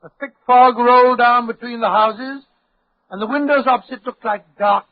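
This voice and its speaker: A man's voice: very high-pitched, normal speed. An actor playing a genial older English doctor, chuckling and slightly blustering as he recounts adventures in 1940s radio style. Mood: genial storytelling. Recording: muffled old 1940s radio recording.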